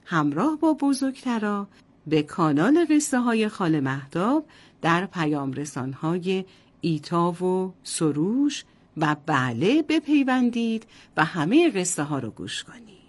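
A woman's voice: on the low side, very animated. A woman storyteller narrating a bedtime story to children in a sing-song voice, often addressing them directly.

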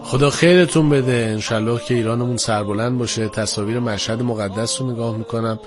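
A man's voice: medium pitch, fairly even intonation. A man hosting a radio call-in program, speaking politely with pious phrasing. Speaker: radio host.

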